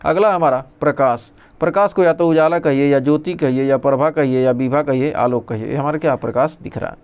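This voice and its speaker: A man's voice: fairly high pitch, a little fast, darkish tone, clean tone. A male teacher giving an exam revision lesson, reading out lists and asking and answering his own questions.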